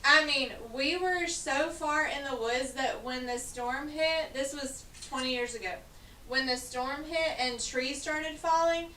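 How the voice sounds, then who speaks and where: Bright, chatty Southern woman. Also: sits high, unhurried. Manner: chatty and playful, laughs often. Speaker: church podcast co-host. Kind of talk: casual chat. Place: church room. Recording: echoey room, mic at a distance, faint noise.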